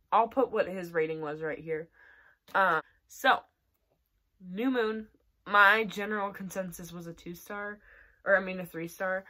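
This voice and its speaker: A woman's voice: medium pitch, a bit bright. A young woman talks through her monthly reading in a loose, chatty way. She fills her speech with "like" and "um" and laughs every so often. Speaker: book vlogger. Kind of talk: casual monthly reading wrap-up.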